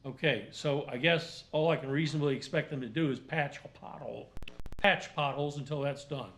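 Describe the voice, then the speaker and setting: A man speaking as a magistrate at a formal hearing, questioning and ruling in deliberate, halting, formal phrases. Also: a little high, fairly bright tone. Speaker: magistrate presiding over a hearing.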